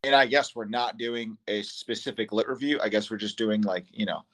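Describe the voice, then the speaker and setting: Boston guy student on a video call, kinda halting, lots of ums. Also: on the low side, fairly bright tone, rough recording. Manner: hesitant, halting with fillers. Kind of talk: casual class discussion.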